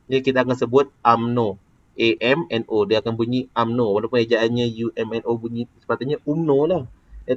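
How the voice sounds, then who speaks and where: A man with a Malaysian Malay accent teaching a casual lesson, explaining patiently and quizzing a student. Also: medium pitch. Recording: dull lo-fi recording.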